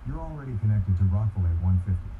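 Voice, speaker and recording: A male voice assistant speaking even, polite prompts, played out of a Bluetooth speaker across the room. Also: fairly low pitch, fast. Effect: played through a Bluetooth speaker. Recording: dull speaker sound from across a room, noise behind.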